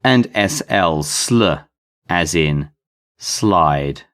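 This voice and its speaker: An animated man with a low voice teaches a slow, deliberate phonics lesson in English. He sounds out blends and spells letters, putting careful emphasis on each keyword.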